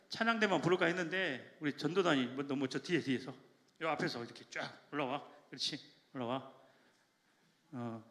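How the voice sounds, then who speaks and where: Man, church elder, high lively voice, very bright, shouting rally chants, echoey church hall. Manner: energetic, joking, shouts call-and-response chants. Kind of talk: lively rally talk to a congregation. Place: large church sanctuary.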